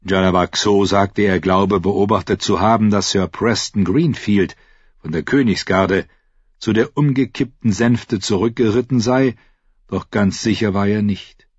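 A male narrator with a low, husky voice tells the story in a measured audiobook reading. The recording is dry and a little dull. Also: no room sound. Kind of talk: scripted narration.

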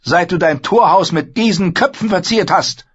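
A man reading an audiobook, voicing a sharp-tongued, mocking young noblewoman who lectures her brother. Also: high voice, moderate pace, husky, highs cut off, pitched above the performer's own voice. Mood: scornful. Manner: scornful, lecturing, needling. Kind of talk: audiobook character voice.

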